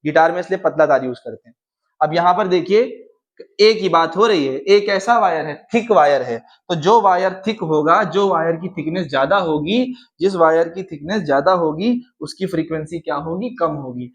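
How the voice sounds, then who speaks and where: Lively, chatty young male physics teacher. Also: a little high, normal speed. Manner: lively, chatty and informal, mixes in English terms and playful asides. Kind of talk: exam-prep lesson.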